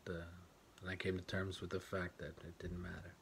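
A man acting as a deep-voiced, guarded, bitter grown man. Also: completely flat delivery, fairly quick, creaky, a little hiss or hum. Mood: resigned. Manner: clipped, quiet, plainspoken recollection. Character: grown man, guarded and bitter, recalling his mother leaving. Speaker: actor performing a film monologue. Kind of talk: stage monologue, told to a listener. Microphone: home webcam for an online event.

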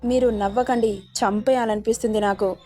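Brief: woman doing a wounded, sharp-tongued young woman, higher voice, mellow tone, reproachful. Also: fairly even intonation, moderate pace, no echo, faint music behind, lightly acted. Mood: hurt, reproachful. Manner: reproachful, pleading questions.

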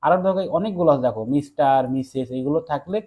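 A young man teaching an exam-prep English lesson, talking quickly to his students and telling them again and again to look at the board. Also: a little high, mellow. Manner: rapid, repeats "look" to students.

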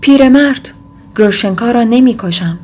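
In an audiobook reading, a woman voices a desperate, agitated young man, her intense outbursts climbing in pitch. Her delivery is expressive and a little mellow.

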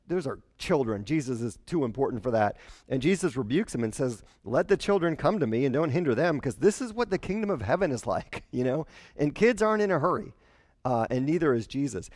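A man in his forties preaches with a headset mic. His delivery is chatty and lively, and he slips into character voices when he quotes people. The sound is dry and close, with little room echo. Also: mid-range voice, a little fast. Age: 40s. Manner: conversational, animated, acts out quotes in character voices. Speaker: pastor. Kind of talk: sermon.

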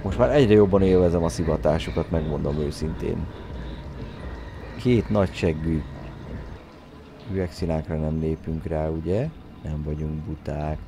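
Excitable man with a deep gravelly voice. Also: long pauses, noisy background. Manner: joking, excitable, shouts at his game character in a high voice. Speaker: game streamer. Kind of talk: let's-play commentary.

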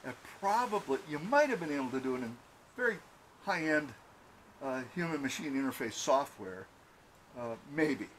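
Older male vlog host, higher voice, animated, rambling delivery, faint hiss behind. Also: moderate pace, poor audio. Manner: rambling, with frequent fillers and restarts. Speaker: glider builder and channel host. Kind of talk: casual workshop vlog. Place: home garage workshop.

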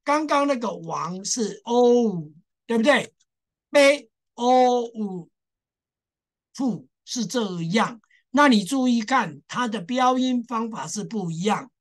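A woman's voice: a little high, animated, a little slow. A woman teaching a language class, patiently drilling sounds, repeating syllables and stressing the exceptions to her students. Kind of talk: classroom lesson.

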